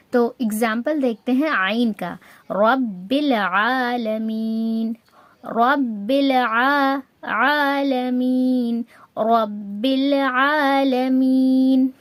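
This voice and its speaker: A woman teaching Quran recitation rules patiently, step by step, slowing down to recite the example words. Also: a little high, dry recording. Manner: patient, explains step by step, mixes in English words. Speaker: tajweed teacher. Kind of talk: spoken Urdu lesson with slow recited examples.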